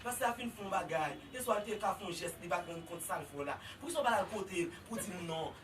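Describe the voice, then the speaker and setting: High-voiced Haitian Creole-accented preacher, distant. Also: male voice, expressive, quick pace, background noise. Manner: swings from low murmurs to shouted exhortations. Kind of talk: sermon.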